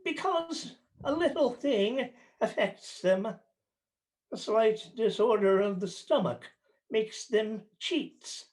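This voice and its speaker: A performer playing a crotchety, skeptical old male miser in a radio play, speaking haltingly and theatrically. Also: medium pitch, a little mellow, lightly acted. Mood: scornful, dismissive. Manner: halting, theatrical, dismissive turning to pleading.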